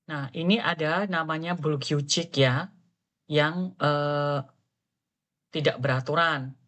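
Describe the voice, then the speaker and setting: A woman's voice: sits low, slow pace, fairly bright tone. A woman teaching Korean pronunciation, firmly correcting her students as she drills them. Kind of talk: online Korean lesson in Indonesian.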